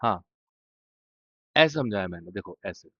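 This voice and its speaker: A man's voice: sits low, animated, a little slow, sharp tone, no echo, muffled recording. A man teaching chemistry in an informal exam-revision lesson. He talks straight to students, repeats key terms and drops blunt, joking asides.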